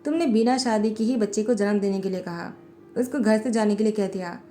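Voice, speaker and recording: A woman's voice: mid-range voice, a little fast, warm tone, natural voice. A woman voicing a blunt young male assistant who scolds in an exasperated way in a storybook narration, with faint music behind her.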